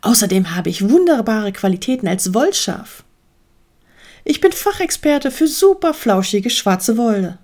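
Woman doing a mild friendly sheep guy from a storybook, lively voice. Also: on the high side, measured pace. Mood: calm. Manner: mild, puzzled, reasonable.

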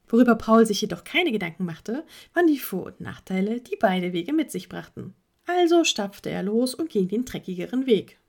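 Expressive woman reading a children's story. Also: mid-range voice, gravelly.

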